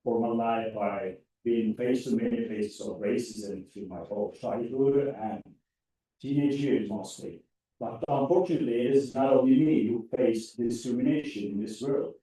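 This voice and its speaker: A man's voice: medium pitch, mellow. Earnest young man from Turkey, echoey hall. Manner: earnest, halting, some non-native phrasing. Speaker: student club member. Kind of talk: public comment at a meeting. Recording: echoey hall, mic from a distance.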